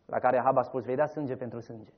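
A man preaching a sermon, telling the story dramatically, rising loud and then dropping soft. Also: mid-range voice, fairly even intonation. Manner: dramatic storytelling, voices quoted figures, rises loud then drops soft. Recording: dull lo-fi recording.

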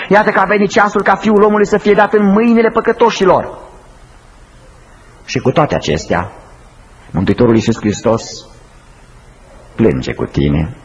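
A man preaching a sermon, swinging between high urgent pleas and slow, hushed low phrases. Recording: slightly dull lo-fi recording with faint noise.

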